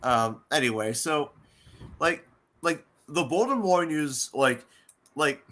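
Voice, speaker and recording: A man's voice: fairly high pitch, expressive, slow pace, background noise. A man in casual chat, rambling and stammering with lots of repeated words. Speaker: fan voice actor, co-host.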